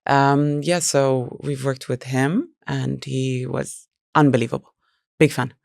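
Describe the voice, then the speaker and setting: A woman's voice: rumbling low, fairly even intonation, slow, vocal fry, darkish tone, dry recording, clean studio sound. A woman speaking as a guest in an interview, explaining her work thoughtfully and expressively at length. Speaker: guest, speaker agency founder. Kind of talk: interview conversation.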